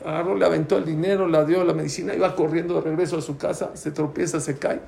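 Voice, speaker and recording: Gravelly rabbi telling a story. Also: male voice, fairly high pitch, quick pace, noisy background. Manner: animated storyteller, asks listeners questions. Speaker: rabbi teaching a Torah class. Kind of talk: storytelling sermon.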